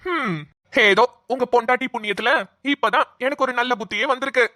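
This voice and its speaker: Cartoon role: quick, bright, teasing young man, played by a woman. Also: on the high side, no echo, studio quality, voice pushed down. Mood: cheeky. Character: cheeky young man, playful teaser. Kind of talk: cartoon voice acting.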